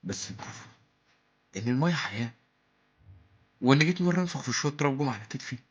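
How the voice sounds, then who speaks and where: An actor playing a melancholy toy in a plaintive, hammy theatrical stage monologue, with an Egyptian accent. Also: male voice, mid-range voice, animated, fast, slightly rough, muffled recording. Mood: plaintive despair. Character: melancholy male toy lamenting its lifeless painted existence.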